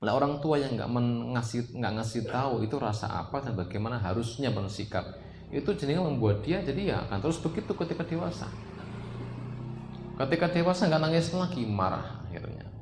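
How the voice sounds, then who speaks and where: A man's voice: medium pitch, animated, fairly quick, darkish tone, a little hiss or hum. A man preaching a religious study lecture, asking rhetorical questions and rising to emphatic peaks. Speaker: Islamic preacher. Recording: roomy echo, faint ambience.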